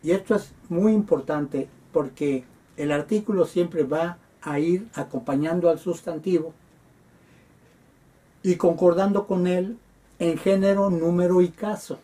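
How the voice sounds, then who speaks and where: A man lecturing on Greek grammar, patiently spelling out word forms with frequent hesitant pauses. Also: high-pitched, steady tone, mellow. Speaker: Greek teacher.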